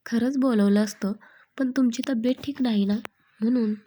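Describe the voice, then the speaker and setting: A woman's voice: on the high side, fairly even intonation, normal speed, warm tone, close to an everyday voice. A woman playing a playful young bride-to-be. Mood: tender. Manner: coaxing, playful.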